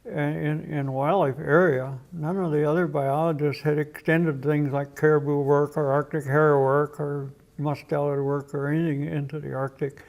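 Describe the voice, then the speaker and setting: An older man, a wildlife biologist, telling stories in a documentary interview, reminiscing with halting restarts and chuckles. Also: on the high side, level tone, gravelly, darkish tone.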